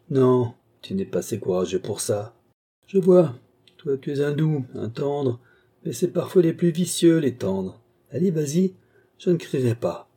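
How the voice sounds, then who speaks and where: A man's voice: mid-range voice, warm tone, slightly rough, pitched above the performer's own voice. A man reading an audiobook, voicing a bitter village woman who killed her husband, harsh and taunting. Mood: fierce.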